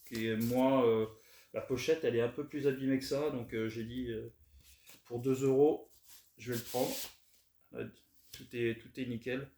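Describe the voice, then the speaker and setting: A man talks casually about his record finds, relaxed and hesitant with many fillers. His voice sits in a mid range. The room gives a roomy echo with a faint background hiss. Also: mid-range voice, normal speed, long pauses. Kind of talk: casual unboxing chat.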